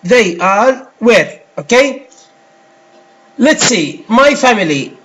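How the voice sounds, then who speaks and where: High-voiced man teaching English. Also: very animated, fairly bright tone, poor audio. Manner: explains in Arabic and English, pausing with many fillers. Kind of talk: screen-recorded English lesson.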